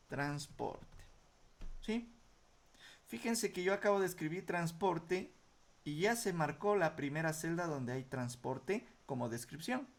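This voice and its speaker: A man teaching a software tutorial, explaining each step patiently and often checking in with short questions before answering his own. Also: fairly high pitch. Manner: asks rhetorical questions then answers them. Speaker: computer skills instructor. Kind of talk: screen-recorded software tutorial.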